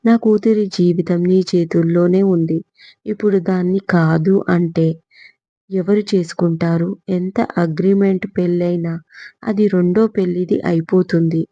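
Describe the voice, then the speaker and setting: A woman's voice: lowish voice, fairly even intonation, normal speed, no echo, dull audio, natural voice. A woman voicing a middle-aged mother who cries and begs on her daughter's behalf. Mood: tearful pleading. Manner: pleading. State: crying.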